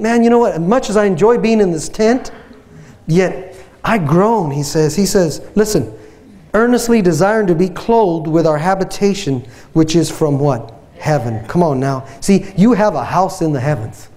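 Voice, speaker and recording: A man in his fifties, a pastor preaching a playful, animated sermon on a church stage into a headset mic, often asking the congregation questions. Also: high-pitched. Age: 50s. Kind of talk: sermon with a tent prop.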